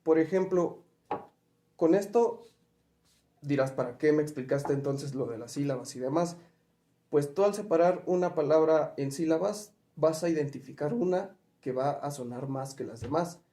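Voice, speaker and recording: A man with a fairly high, warm voice teaches spelling rules at a normal speed, patiently going step by step. He asks questions and works through examples, and the recording has a roomy echo.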